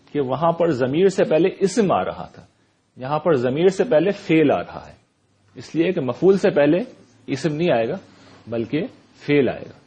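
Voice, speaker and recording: A man teaching an Arabic grammar lesson, explaining step by step and reciting verb forms and verses slowly. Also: on the high side, a little mellow, husky, dull audio. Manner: checks in with "right?". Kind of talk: classroom lecture.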